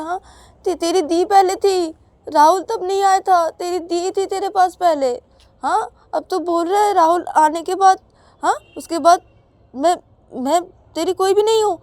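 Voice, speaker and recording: A woman's voice: very high-pitched, a little mellow, no echo. A woman voicing a possessive, stubborn older sister who keeps insisting and demanding answers in a spoken storybook. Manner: insistent, repeatedly demanding "haan?".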